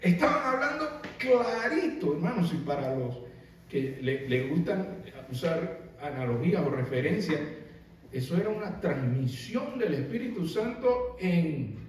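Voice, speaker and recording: High-voiced preacher in an echoey church. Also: male voice, unhurried, slight background noise. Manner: animated, asks the congregation rhetorical questions. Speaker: pastor. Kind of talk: sermon. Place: church sanctuary. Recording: very echoey hall, mic far off.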